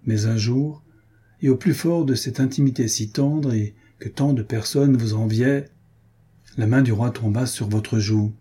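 A man's voice: mid-range voice, unhurried, warm tone, husky. A man voicing a stern, menacing soldier-captain who speaks in clipped, bitten-off words. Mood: accusing. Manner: clipped, chewing his words.

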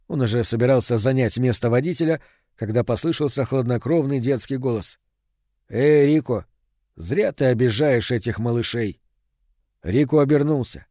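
A man narrating an audiobook in a steady, even reading voice. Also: medium pitch, dry recording, studio quality. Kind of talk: scripted narration.

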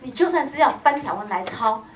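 A woman's voice: high-pitched, brisk, recorded from a distance, a little hiss or hum. A woman lecturing a law exam prep class in a chatty, teasing way, recorded in a classroom. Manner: chatty, teasing, lively, peppers speech with "hao" and "ha".

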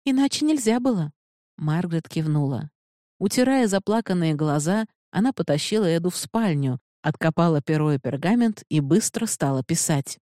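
A woman narrating an audiobook in a measured, even reading voice. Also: low-pitched, no room sound, studio quality. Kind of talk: scripted narration.

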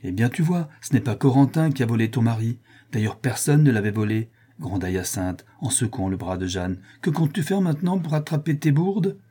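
A man's voice: mid-range voice, lively intonation, fairly quick, hardly any pauses, mellow, slightly rough. A man doing a shrewd, scolding townsman. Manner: scolding, coaxing.

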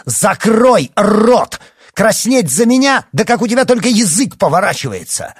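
Furious teenage boy, read by a man, shouting hard, pitched high. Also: normal speed, breathy edge, dry recording, studio quality, natural voice. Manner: yelling, choked with anger.

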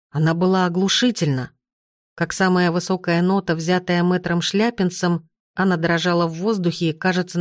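A woman narrating an audiobook in the first person, with steady, even storytelling. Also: lowish voice, no room sound, studio quality.

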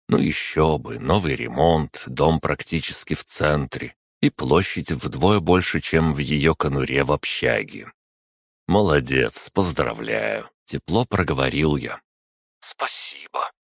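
A man narrating a first-person story in a calm, even storytelling manner. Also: extremely low pitch, unhurried, slightly rough, no room sound. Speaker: audiobook narrator.

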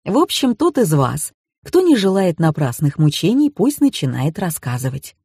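A woman reading an audiobook, voicing a calm, mocking tough man who threatens quietly. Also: deep voice, normal speed, breathy edge, no echo, studio quality, heavily acted. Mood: menacing.

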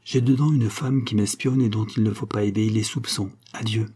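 Sentimental fake countess coaxing her lover, man reading her, dark husky voice, storybook. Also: lowish voice, fairly even intonation, a little fast.

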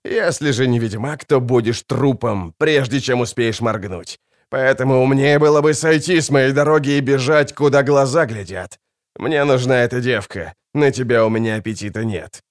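A man's voice: mid-range voice, normal speed, no echo, studio quality, close to an everyday voice. A man voicing a menacing, cruel older bounty hunter who growls and sneers his threats for an audiobook. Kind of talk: audiobook character voice.

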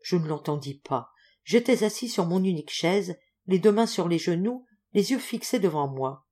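A woman reading a literary audiobook aloud with expressive, dramatic narration. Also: lowish voice, normal speed. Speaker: audiobook reader.

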